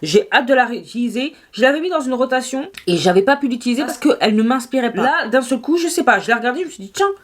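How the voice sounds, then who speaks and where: Woman, French accent, slightly high pitch, casual beauty vlog chat, animated, laughs a lot. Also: fast, hardly any pauses. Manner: chatty and animated, laughs often, slangy. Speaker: beauty vlogger. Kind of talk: casual makeup review chat.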